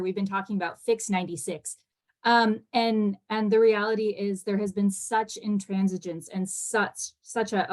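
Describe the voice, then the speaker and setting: A woman immigration lawyer answering on a panel discussion over a video call, speaking quickly and earnestly with many fillers and restarts. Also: mid-range voice, darkish tone. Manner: fast-talking, earnest, with frequent fillers and restarts.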